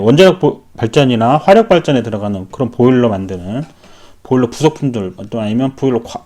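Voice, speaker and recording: A man's voice: medium pitch, mellow. A man who works as a welder tells his own story in a rambling, casual way and often corrects himself mid-sentence. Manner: rambling, frequent self-corrections. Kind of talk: personal storytelling.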